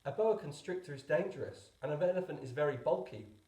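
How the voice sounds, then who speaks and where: A man voicing a small, solemn, gently insistent boy in a storybook, with a soft little voice. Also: on the high side, lively intonation, fast, echoey room, recorded from a distance, close to an everyday voice, low-quality recording. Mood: firm, earnest. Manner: earnest, serious, politely insistent. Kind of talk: storybook reading.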